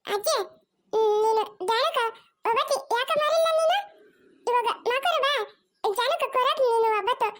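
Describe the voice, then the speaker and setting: A woman playing a whiny tiny kid, very high squeaky voice, insistent. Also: moderate pace, a bit bright, dry recording, studio quality. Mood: pleading. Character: pleading little grandchild.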